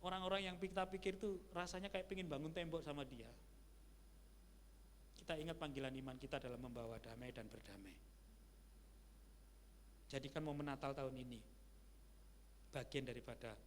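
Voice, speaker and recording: A male pastor preaching a sermon in a conversational style, with lively asides to the congregation. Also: medium pitch, normal speed, pauses often. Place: church sanctuary. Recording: church hall reverb with faint hum.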